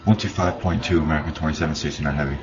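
A male airline pilot talks over cockpit radio in an extremely low voice. The delivery is monotone and casual. The sound is muffled. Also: rapid-fire. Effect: aviation radio transmission. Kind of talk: radio calls and readbacks.

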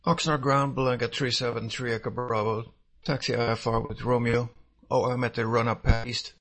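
A man's voice: mid-range voice, little pitch movement, normal speed, a bit bright. A man speaking as a pilot, giving terse, procedural radio read-backs to air traffic control.

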